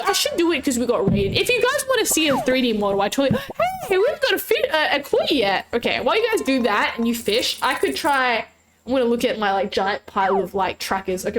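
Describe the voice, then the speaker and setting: A VTuber streamer with a high-sitting voice chats casually while playing a fishing game, bubbly and full of squeals and laughs despite a slight sore throat. There is a little hiss or hum in the audio.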